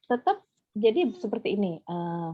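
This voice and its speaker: A woman's voice: mid-range voice, normal speed, no echo. Chatty woman on a thin call line. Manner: chatty, lively, addresses mothers directly. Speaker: parenting speaker. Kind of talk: webinar talk. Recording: phone-like thin audio.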